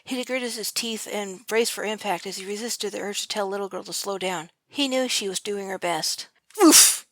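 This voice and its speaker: A woman's voice: medium pitch, normal speed, a bit bright, no echo. A woman reading her own adventure story aloud, with frequent slips and restarts. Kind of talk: amateur audiobook narration.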